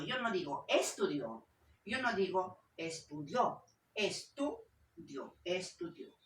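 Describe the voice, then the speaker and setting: A woman teacher giving a language lesson, explaining slowly, splitting words into syllables and checking in with her pupils. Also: medium pitch, fairly bright tone. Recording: roomy echo, voice from a distance, faint background hiss.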